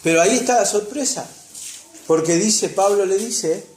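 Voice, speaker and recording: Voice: medium pitch, moderate pace, darkish tone, reverberant, slight background noise. A preacher with an Argentine Spanish accent, telling a Bible story in a sermon and putting rhetorical questions to the congregation. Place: church.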